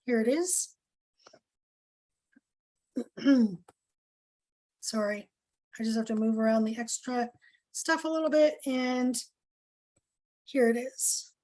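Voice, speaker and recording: A woman organizer presenting at a town hall over a video call, earnest with many pauses and fillers, losing her voice. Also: fairly high pitch, mellow. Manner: earnest, lots of ums and questions. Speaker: health coalition organizer.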